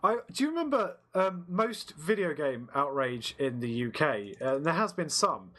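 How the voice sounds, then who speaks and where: An Englishman co-hosting a podcast, arguing his point with swearing and emphasis. His voice is slightly husky and sits a bit high, and his pitch leaps around with energy. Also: very animated, fairly bright tone, faint music behind. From United Kingdom. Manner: emphatic, swearing, quick to laugh. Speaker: podcast co-host. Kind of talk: casual opinionated debate.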